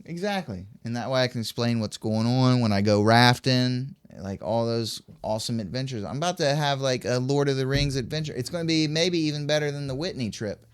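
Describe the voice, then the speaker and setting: A man's voice: medium pitch, a little fast, few pauses, smooth. A man co-hosting a casual podcast in a small studio, rambling and joking with friends. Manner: rambling, jokey, animated. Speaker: podcast co-host. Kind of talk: casual chat.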